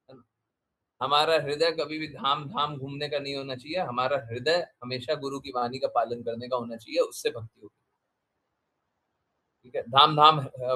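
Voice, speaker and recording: A man's voice: on the high side, sharp tone. A man, a spiritual teacher, giving a devotional talk and answering questions, emphatic, repeating phrases and asking rhetorical questions.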